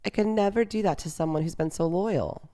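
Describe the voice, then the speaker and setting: Woman playing storybook goddess queen, low, firm, protective. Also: brisk, warm tone, natural voice. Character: loyal, loving goddess queen.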